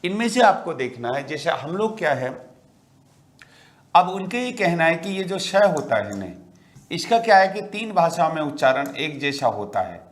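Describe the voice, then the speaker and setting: A man's voice: fairly high pitch, big pitch swings, moderate pace. A middle-aged man teaching an exam-prep grammar lecture, often asking rhetorical questions and repeating key words for emphasis.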